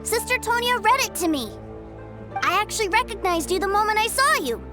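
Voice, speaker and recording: Trusting little kid boy from a game, chatty n eager, high voice, music under it. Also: lively intonation, fairly quick. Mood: innocent, eager. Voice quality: childlike. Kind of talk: video game voice acting. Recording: music behind the voice.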